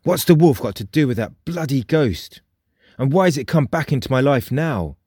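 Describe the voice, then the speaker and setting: A nervous young man who has just seen a ghost stumbles over his words, as a male narrator plays him in a storybook reading. His voice sits slightly higher and louder than the reader's own. The recording is close and dry. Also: lively intonation, moderate pace, husky, no room sound. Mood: troubled. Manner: flustered, stammering apologies.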